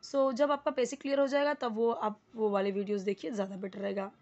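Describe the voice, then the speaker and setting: A woman's voice: a little high, flat delivery, darkish tone, muffled recording. A young woman teaching a casual English lesson, explaining patiently and repeating each word. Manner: explains slowly, mixing Hindi and English, repeating words.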